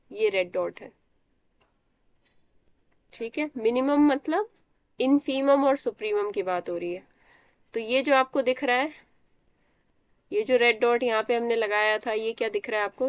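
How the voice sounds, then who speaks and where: With a slightly high voice and no room sound, a young woman teaches math in a live online class. She works through each step and asks students questions as she goes.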